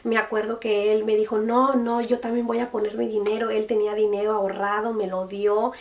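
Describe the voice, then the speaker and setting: With a mid-range voice and a fairly quick pace, a young beauty vlogger shares an emotional personal story, animatedly reenacting what others told her. She's recorded a bit far from the mic.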